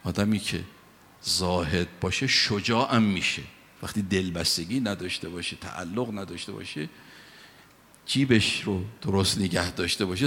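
A man preaching a sermon, telling stories with emphatic rises in loudness. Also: low-pitched. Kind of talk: sermon with storytelling. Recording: long hall reverb.

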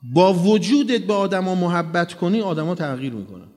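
A man's voice: high-pitched, expressive, a little mellow. A man giving a religious sermon with storytelling, speaking earnestly and addressing his listeners directly. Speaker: preacher. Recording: reverberant hall.

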